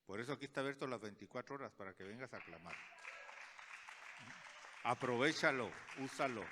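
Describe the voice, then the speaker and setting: A pastor preaching a sermon, asking the congregation questions and acting out little scenes, dropping to quiet asides and rising to loud calls. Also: male voice, mid-range voice, animated, brisk, a crowd in the background, noisy background.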